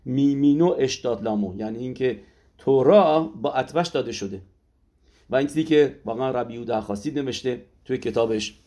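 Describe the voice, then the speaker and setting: A man giving a spoken religious lesson, pausing often with filler sounds as he explains. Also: mid-range voice, mellow. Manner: hesitant, many filler sounds. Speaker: religious teacher. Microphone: audio-only recording.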